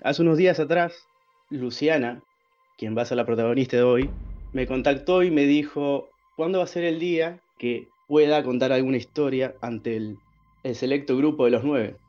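A man's voice: mid-range voice, moderate pace, a little mellow, highs cut off, faint music behind. Man giving an enthusiastic podcast intro. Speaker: podcast host.

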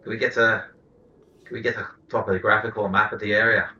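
A man's voice: fairly low pitch, flat delivery, fairly quick, bright, forceful tone, highs cut off. Distant echoey man playing a tabletop game. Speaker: player.

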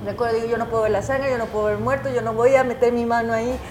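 A woman journalist, telling her own stories as an interview guest in an animated, emotional way, full of restarts. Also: fairly high pitch, racing, a little hiss or hum. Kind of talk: casual conversational storytelling. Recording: echoey room.

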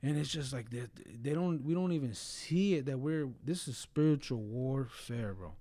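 A man's voice: medium pitch, normal speed, dark tone. A man talking casually and earnestly about religion in a blunt way, often peppering his speech with slang and filler phrases. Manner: blunt, earnest, frequent "bro" and "you know".

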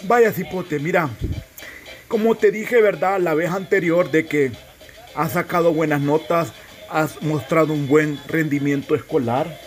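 A man's voice: a little high, fairly even intonation, a little slow, faint music behind, lightly acted. A man playing a teasing old Salvadoran grandfather. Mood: gruff tender. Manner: teasing, calls the boy a fool affectionately. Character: old grandfather Encarnación, gruff teasing and tender.

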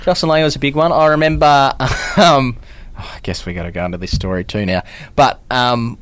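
Australian man in relaxed chat. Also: medium pitch, dry recording. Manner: measured, appreciative, teasing. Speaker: podcast co-host, former community radio broadcaster. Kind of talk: casual chat.

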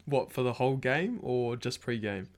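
Here the young interview host sounds animated, his mid-range voice moving at a normal pace. Broad New Zealand accent, casual chat, and a matey, slang-heavy manner peppered with "bro."

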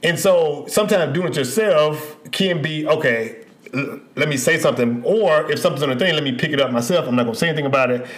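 A man co-hosting a relationship podcast in casual chat, animated and quick to laugh, drifting into playful stories. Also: fairly high pitch. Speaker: podcast co-host.

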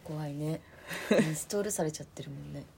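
A woman's voice: deep voice, quick pace, gravelly, darkish tone, a little hiss or hum. A woman from Aomori with a Tsugaru accent, co-hosting a casual podcast chat; she has just woken up and reacts in a laid-back way. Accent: Tsugaru dialect. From Aomori, Japan. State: just woke up. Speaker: podcast co-host.

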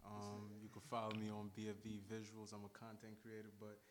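A man speaking casually and deliberately as a podcast guest, putting questions to the group. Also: lowish voice, completely flat delivery, very noisy. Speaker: podcast guest, content creator. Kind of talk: casual talk, posing a question.

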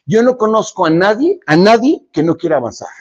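A man's voice: very animated, fairly quick. Dramatic man giving motivational speech. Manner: dramatic, swings between loud emphasis and soft low lines. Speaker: motivational speaker. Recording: dull lo-fi recording.

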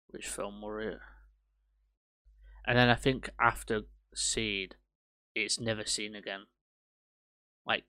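A man's voice: lowish voice, clear, resonant tone, no echo. A man, hosting a casual podcast that reviews films, rambling and swearing casually. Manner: rambling, swears casually, animated when ranting. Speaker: podcast host. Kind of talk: casual film review chat.

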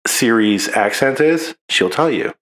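A relaxed man co-hosting a podcast over a beer. He talks in an easygoing way, teasing his co-host and hyping her up between jokes. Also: mid-range voice, a little slow. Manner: relaxed, teasing, drinking beer while recording. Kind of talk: casual chat.

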